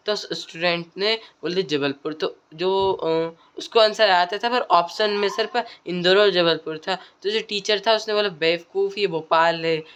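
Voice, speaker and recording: A man's voice: high voice, moderate pace, hardly any pauses, a bit bright, clean tone. Male creator, casual tutorial delivery, repetitive, filler-heavy, conversational. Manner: repeats phrases, frequent tag questions and fillers. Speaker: video creator giving speaking tips.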